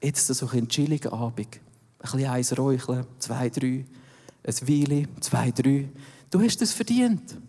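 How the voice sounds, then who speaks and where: A man's voice: medium pitch, unhurried, warm tone, breathy edge. A preacher voicing a sly male devil who coaxes and tempts, recorded with the long reverb of a large hall. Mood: coaxing.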